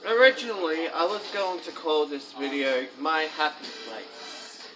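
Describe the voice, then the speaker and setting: Man, casual vlogger, slightly high voice, chews while talking, rambles and gripes; music clearly audible behind. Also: lively intonation, unhurried, low-quality recording. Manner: rambling, complaining, laughs often, talks with mouth full. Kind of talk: casual chat to camera. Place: fast food restaurant. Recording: music playing in the background. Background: background music.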